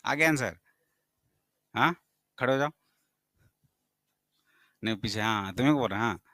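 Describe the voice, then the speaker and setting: A man's voice: medium pitch, normal speed, bright, forceful tone, no room sound. A male math teacher, lecturing a classroom and firing questions at his students, sometimes scolding them.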